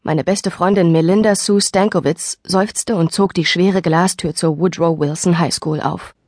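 A woman's voice: on the low side, a little slow, no echo. Woman narrating an audiobook, dry close mic. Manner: lively, expressive storytelling. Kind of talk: scripted first-person audiobook narration. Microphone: dry studio microphone.

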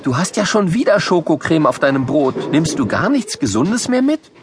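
A man's voice: on the high side, big pitch swings, moderate pace, noisy background, pitched below the performer's own voice. A man voicing a skeptical young schoolgirl. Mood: puzzled. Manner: skeptical, reasoning. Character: sensible, doubting schoolgirl.

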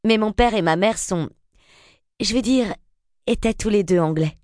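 Audiobook: a woman voicing a shy, soft-spoken young woman, pitched higher than her own voice. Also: a little slow, no echo, studio quality, close to an everyday voice.

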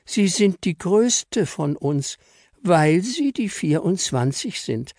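A man's voice: high-pitched, very animated, darkish tone, dry recording, studio quality, voice pushed up, exaggerated voice. Man doing a small shy chocolate angel girl. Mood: hesitant. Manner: hesitant, slow and shy.

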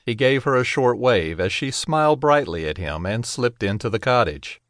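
A man narrating a children's audiobook in a gentle, expressive storytelling manner. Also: mid-range voice, moderate pace, no echo, studio quality.

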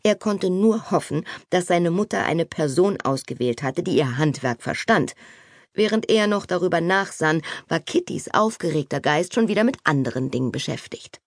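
A woman narrating a novel as an audiobook, expressive and animated. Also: on the low side, moderate pace, no room sound, studio quality. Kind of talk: scripted narration.

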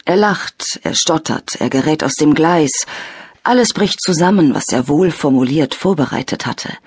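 A woman reading a sensual story aloud as an audiobook narrator, soft and unhurried. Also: deep voice, expressive, slightly rough, no echo. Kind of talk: scripted narration.

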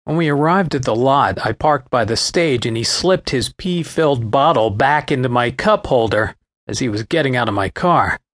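A man narrating his own memoir as an audiobook, telling the story in a wry, animated way. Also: medium pitch, normal speed.

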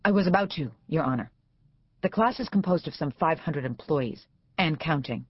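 A woman's voice: deep voice, animated, moderate pace, husky, no echo. A woman voicing a nervous, hapless male lawyer in an audiobook, with a dull, dry studio sound. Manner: flustered, hesitant.

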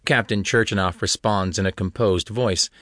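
A man narrating a detective audiobook in a steady, measured way. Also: on the low side, dry recording, studio quality. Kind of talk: scripted narration.

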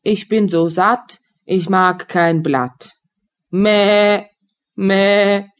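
A woman's voice: medium pitch, extremely slow. A woman voicing a hungry, complaining female goat in a children's audiobook, reciting rhymes in a sing-song way and ending with bleats. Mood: content.

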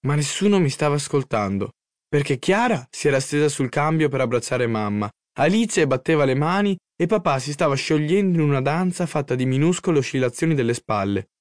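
A man from Italy narrating his own memoir as an audiobook, telling the story in a lively, expressive way. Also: on the high side, brisk, dry recording, studio quality. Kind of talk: first-person audiobook narration.

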